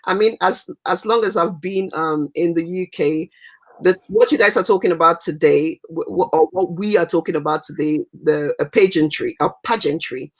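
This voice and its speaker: A woman's voice: on the low side, moderate pace. A woman from Cameroon hosting a livestream interview, enthusiastic and repeating words for emphasis. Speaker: talk show host.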